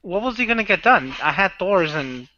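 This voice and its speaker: Brief: male co-caster, bright, slightly high voice, jokey strategy talk with swearing. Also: big pitch swings, moderate pace, highs cut off, a little hiss or hum. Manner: joking, explains strategy, swears freely. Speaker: co-player and commentator. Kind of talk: casual gaming commentary.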